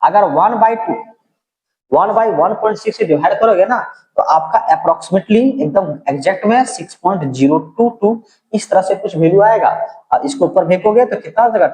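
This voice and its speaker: A middle-aged male teacher gives a casual chemistry lecture in a room at night, speaking softly and keeping his voice down while checking in with "ठीक है." His voice sits high and animated at normal speed, and the recording is rough and reverberant.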